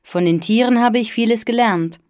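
A woman reading the lines of an earnest, gentle young man in an audiobook, speaking softly and sincerely. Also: on the high side, normal speed, no room sound, clean studio sound, voice pushed up, lightly acted. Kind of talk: audiobook dialogue.

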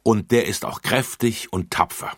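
A man's voice: fairly low pitch, moderate pace, dry recording, clean studio sound, pitched above the performer's own voice, natural voice. A man reading aloud, voicing an aunt who praises one of the children. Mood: praising. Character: cheerful auntie praising a boy.

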